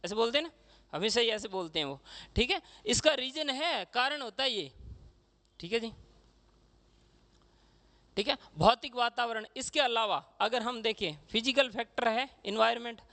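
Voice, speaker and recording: A male teacher from Rajasthan, lecturing a class in a chatty way and filling pauses with "okay". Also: very high-pitched, expressive, pushed and bright. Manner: chatty, says "theek hai" constantly, acts out regional speech.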